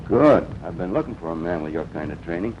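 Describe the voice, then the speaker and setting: A businesslike workshop boss in an old 1940s film. His voice is fairly low, on a dull soundtrack with faint noise. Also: lively intonation, brisk. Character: businesslike workshop boss, man, secretly resistance contact.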